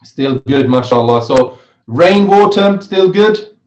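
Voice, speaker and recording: A man's voice: medium pitch, animated, slow, lo-fi sound. A man teaching an interactive religious lesson, posing questions, repeating his phrases and often checking with "right?". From Switzerland. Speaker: Islamic studies teacher. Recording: roomy, echoey sound.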